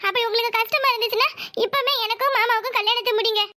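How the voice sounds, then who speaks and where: A very high, bright, shrill voice of a headstrong young village woman in a cartoon. She pleads and insists through tears. She will not back down. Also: steady tone, racing. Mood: insistent. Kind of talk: cartoon voice acting.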